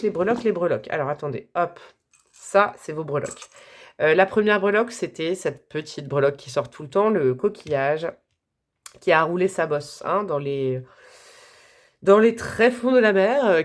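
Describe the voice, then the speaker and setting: A woman giving a live tarot reading to her viewers, chatty and gentle, with frequent asides and little laughs. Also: fairly low pitch. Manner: softly calm, gentle delivery. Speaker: tarot reader.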